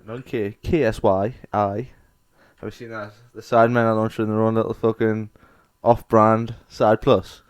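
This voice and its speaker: A man's voice: fairly low pitch, level tone, moderate pace. Joking, sweary young man. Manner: banter-heavy, swears freely, breaks into laughs. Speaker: podcast co-host. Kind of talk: casual chat.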